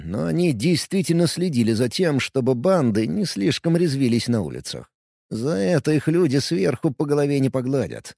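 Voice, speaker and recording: A man reading a first-person story aloud in a lively storytelling way. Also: medium pitch, creaky, dry recording, clean studio sound. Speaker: audiobook narrator.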